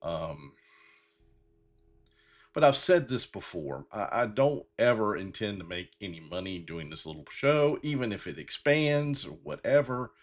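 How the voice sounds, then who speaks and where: This fifty-something podcast host, described as bald-headed, speaks at a measured pace in a lowish voice that rises and falls sharply. Alone on his show, he talks sincerely and emotionally, rambling through fillers and restarts.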